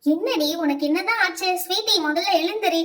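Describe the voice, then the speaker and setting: Nagging, lecturing doll-show teacher, played by a woman, shrill and off-mic. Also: brisk, fairly bright tone, recorded from a distance. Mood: scolding. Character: strict scolding female schoolteacher. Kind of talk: doll-play voice acting.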